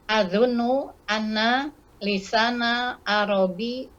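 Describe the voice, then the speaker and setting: A woman student reads Arabic dialogue lines in a slightly high voice. Her reading is slow and hesitant, and the recording sounds dull and lo-fi. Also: a bit bright.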